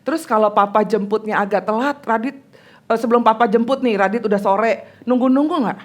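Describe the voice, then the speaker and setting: A woman hosting a casual podcast, gently asking her child a string of questions and often pausing with hesitant fillers. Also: a little high.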